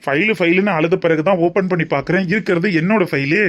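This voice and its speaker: A man's voice: sits high, fast, highs cut off, noisy background, natural voice. A man voicing an easygoing young man who jokes and reassures in a family cartoon. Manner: breezy, joking. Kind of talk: cartoon dub acting.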